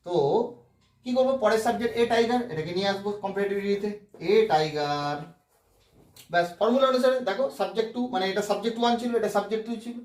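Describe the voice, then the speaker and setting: Male grammar tutor, high voice, patient step-by-step explainer, recorded at a distance in a roomy space. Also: quick pace. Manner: explains step by step, often asks "right?". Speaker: English grammar teacher. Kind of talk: Bengali-language grammar lesson. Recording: echoey room, mic at a distance.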